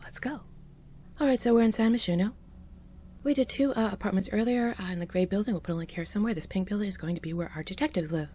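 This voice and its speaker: Woman, low mellow voice, brisk casual game narrator, faint noise behind. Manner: quick chatty narration with fillers, trailing into breathy asides.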